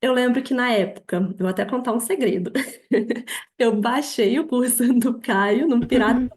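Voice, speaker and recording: Chatty Brazilian woman, a bit high. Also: moderate pace. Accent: Brazilian Portuguese. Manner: lively storyteller who laughs often and acts out quoted dialogue. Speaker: podcast guest, affiliate marketer. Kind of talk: casual interview storytelling.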